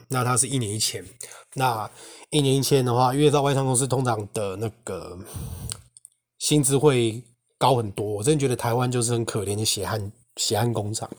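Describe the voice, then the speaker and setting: A young man with a Taiwanese Mandarin accent, hosting a podcast and telling a personal faith story in an indignant, animated way. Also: mid-range voice. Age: young adult. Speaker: podcast host. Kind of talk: casual personal testimony monologue.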